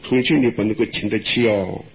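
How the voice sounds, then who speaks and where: An older man, a monk, giving a gentle, chuckling Buddhist talk in an unhurried way. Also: lowish voice, fairly even intonation, creaky. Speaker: elderly monk answering questions. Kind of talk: dharma talk with live interpretation. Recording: dull lo-fi recording with faint hiss.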